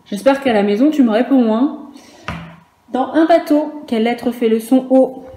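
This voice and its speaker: A primary school teacher, her voice slightly high, mellow and at a normal speed, patiently spells out letters one by one in a remote phonics lesson for young children. The room echoes, with faint noise in the background.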